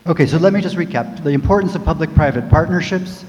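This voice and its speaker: A man moderating a panel discussion, briskly recapping points and handing over to the next speaker. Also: a little high, darkish tone. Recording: dull, reverberant hall sound.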